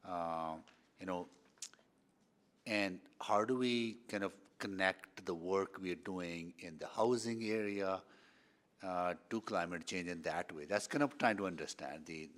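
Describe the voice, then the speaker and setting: Brief: man, councillor, very low voice, halting, searching for words. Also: fairly bright tone. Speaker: city councillor. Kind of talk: council meeting questioning. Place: council meeting room.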